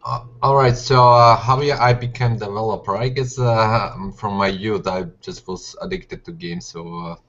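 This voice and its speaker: A man's voice: medium pitch, animated, normal speed, few pauses, a bit bright. A young man, a game developer guest talking casually and hesitantly on a video call from his living room. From Serbia, Slovak parents. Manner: hesitant, many "uh" fillers, non-native grammar. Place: living room at home, indoors. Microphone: webcam video call. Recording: dull lo-fi video call audio.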